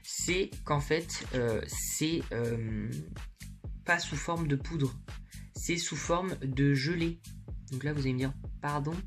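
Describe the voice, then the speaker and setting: A woman's voice: sits low, slow pace, soft background music. A woman chatting informally and candidly to viewers in a slangy, casual makeup haul vlog, recorded in her bedroom. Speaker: beauty vlogger.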